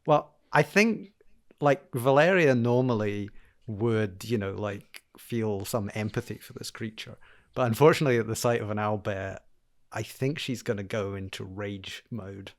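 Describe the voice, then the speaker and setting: Creaky-voiced man playing a tabletop game. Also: fairly low pitch, normal speed. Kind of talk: casual game-table chat.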